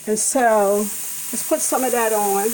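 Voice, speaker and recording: A woman talks her viewers through a vegan breakfast in her home kitchen, rambling and correcting herself as she goes. Her voice sits a little high. A pan sizzles clearly under her words. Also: unhurried, noisy background. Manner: chatty, rambling, self-correcting. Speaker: vlogger cooking a vegan breakfast. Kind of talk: casual cooking demonstration. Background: food sizzling in a pan.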